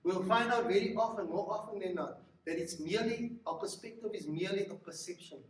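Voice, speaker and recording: A man's voice: sits high, a little fast, a little hiss or hum. A man preaching a sermon on marriage, emphatic and acting out what spouses say to each other. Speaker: pastor. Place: church hall. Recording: echoey hall, mic from a distance.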